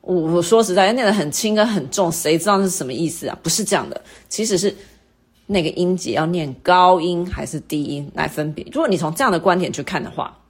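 A middle-aged woman hosting a lesson, explaining English word stress to listeners patiently and repeating each example word slowly. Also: lowish voice, husky. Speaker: English teacher and podcast host.

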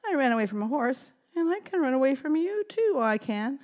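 A woman voicing a boastful little gingerbread boy who taunts in a high, sing-song voice. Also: sing-song, fairly quick, darkish tone.

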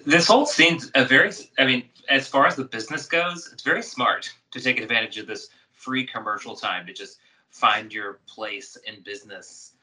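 Brief: male co-host, very bright tense tone, halting casual chat. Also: medium pitch, low-quality recording. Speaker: podcast co-host.

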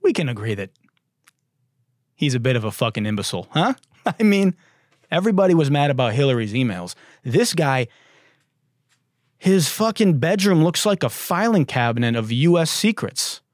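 A man's voice: a little high, very animated, normal speed, long pauses, dry recording, clean studio sound. Sarcastic swearing man hosting a comedy podcast. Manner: profane, sarcastic, laughs often. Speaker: podcast host. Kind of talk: comedic talk monologue.

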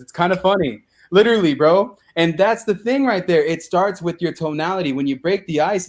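Hyped, slangy young man, fairly high voice. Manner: energetic, slangy, says bro and dude a lot. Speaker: guest, real estate investor. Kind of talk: casual interview talk.

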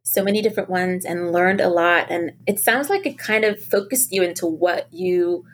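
A woman's voice: on the low side, normal speed, a little hiss or hum. A woman hosting an interview podcast, asking questions and affirming her guest with "right" and "love it". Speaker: podcast host. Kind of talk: casual interview.

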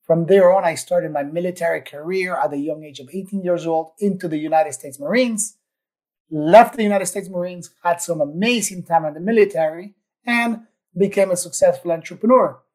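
A man from Ecuador with a high-pitched, slightly mellow voice tells his story as a podcast guest, upbeat and enthusiastic in a casual interview chat.

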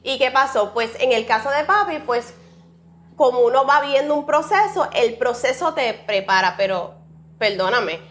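A woman's voice: a little high, expressive, moderate pace, fairly bright tone. A woman from Rico, sharing a heartfelt, faith-filled personal testimony as an interview guest. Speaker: guest, author.

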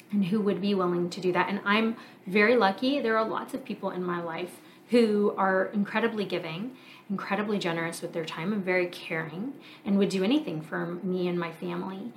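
A woman in her thirties talks through her own thoughts on her podcast, candid and reflective, pausing and restarting as she works things out. Her voice sits at an ordinary middle pitch. A faint hiss stays under the recording. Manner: candid, reflective, thinking aloud with fillers. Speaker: podcast host, marriage coach and therapist. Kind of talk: casual personal monologue.

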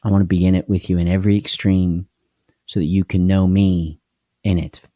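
A man's voice: low-pitched, level tone, a little fast, dark tone, dry recording. A man hosting a live devotional talk, speaking earnestly and candidly, often repeating key phrases for emphasis. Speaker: host of a live devotional show.

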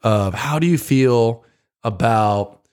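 Animated, swearing male podcast storyteller. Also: medium pitch, slow pace, clear, resonant tone. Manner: animated storyteller who swears and acts out phone calls. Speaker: podcast host. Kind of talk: casual chat.

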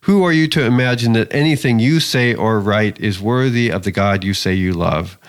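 A man voicing a taunting male devil who accuses and belittles, in a low, scornful voice. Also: normal speed, clean tone, natural voice.

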